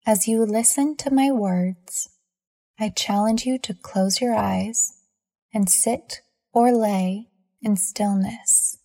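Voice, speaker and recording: Guiding listeners through a scripted meditation, a woman speaks in a warm, mid-range voice. Her delivery is soothing and unhurried, with intentional pauses separating each phrase.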